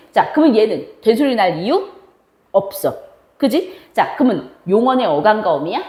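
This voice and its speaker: Lively-voiced woman teaching grammar. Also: mid-range voice, reverberant. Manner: asks and answers her own questions in a chatty, drawn-out teaching tone. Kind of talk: classroom lecture.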